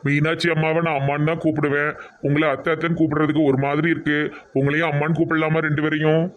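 A man's voice: fairly high pitch, little pitch movement, fast, lo-fi sound, close to an everyday voice. A man voicing a polite young son-in-law with a Tirunelveli Tamil accent. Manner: polite, affectionate.

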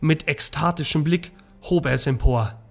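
A man reading a story aloud in an expressive, dramatic way during a game playthrough. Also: on the high side, moderate pace, vocal fry. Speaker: let's play narrator.

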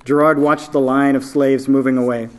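A man, an author, reading his own fiction aloud at a live event in a measured storytelling manner. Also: medium pitch, level tone, a little mellow.

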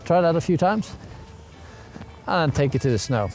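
A man's voice: on the high side, lively intonation, moderate pace, darkish tone. A young man giving a casual ski lesson to camera, outdoors on a mountain. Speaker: ski instructor. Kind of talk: casual instructional talk to camera. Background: music.

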